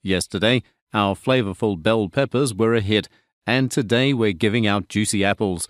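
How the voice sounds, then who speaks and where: A supermarket announcement, read by a man in a lowish voice with a clear, even and measured delivery. The sound is dry and close, with no store echo, as in a studio reading. He is a polite and upbeat store announcer addressing shoppers. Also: lightly acted. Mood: announcing. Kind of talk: scripted supermarket announcement read for a listening test.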